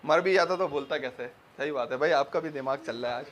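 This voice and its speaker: High-voiced male teacher, joking. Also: fast talker, a bit bright, highs cut off. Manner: quizzes students and repeats examples; joking, teasing. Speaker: English teacher. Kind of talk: classroom grammar lesson. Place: classroom with students.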